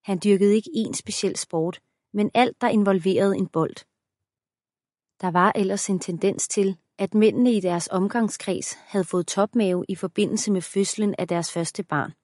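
A woman reading an erotic audiobook as narrator in a steady, even voice. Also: medium pitch, no room sound, studio quality. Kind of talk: scripted narration.

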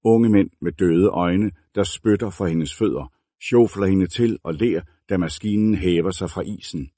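A man reading a novel aloud as a narrator, in a measured, deliberate way. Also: sits low, warm tone, dry recording, clean studio sound. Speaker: audiobook narrator. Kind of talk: scripted narration.

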